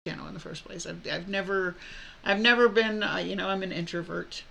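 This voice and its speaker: A woman tarot reader speaks straight to her webcam at home with a bright, forceful tone and a gravelly edge. Her talk is a casual, heartfelt monologue that rambles earnestly. She restarts her sentences often and breaks into nervous little laughs. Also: on the low side, fairly quick. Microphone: computer webcam mic.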